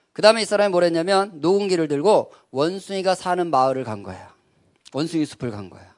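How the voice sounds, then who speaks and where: Male speaker, slightly high voice, animated sermon delivery built on question-and-answer with the audience. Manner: keeps asking the audience questions and answering them; conversational and animated. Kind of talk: sermon-style talk.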